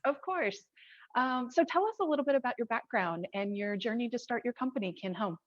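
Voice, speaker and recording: A woman's voice: a little high, animated, a little fast, dull audio. A woman hosting an interview, asking friendly, encouraging questions. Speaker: interviewer, host.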